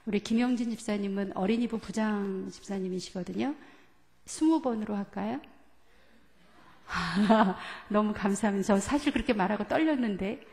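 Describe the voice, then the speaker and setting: A woman's voice: medium pitch, moderate pace, creaky, a little mellow, in a large hall. A woman pastor giving a teaching sermon, asking the congregation questions and leading them through scripture readings. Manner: asks the congregation questions and leads group reading. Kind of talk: sermon lecture. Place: church sanctuary.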